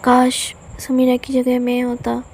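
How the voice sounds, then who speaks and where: A woman voicing a cheeky young man who protests in quick, whiny bursts in a storybook tale. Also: high voice, monotone, a little mellow, a little hiss or hum. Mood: protesting.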